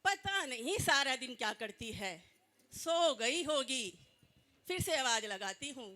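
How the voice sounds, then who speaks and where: A woman playing a nagging mother-in-law in an amateur stage skit, calling and scolding loudly. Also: high-pitched, expressive, slow pace, heavily acted. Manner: loud scolding calls.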